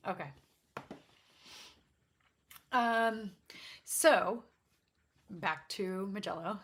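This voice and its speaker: A woman with a slightly gravelly voice hosts an art demonstration in casual chat, rambling, interrupting herself and apologizing as she goes. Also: mid-range voice, very slow, a bit bright. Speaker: host of an art livestream swatching watercolors. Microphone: backup microphone.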